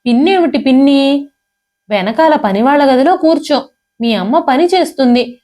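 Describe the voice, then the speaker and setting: A woman's voice: on the high side, expressive, normal speed, a little mellow, close to an everyday voice. A woman voicing a proud young wife who scolds her poor relatives with contempt. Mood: scornful. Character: scornful proud young wife, cold to in-laws.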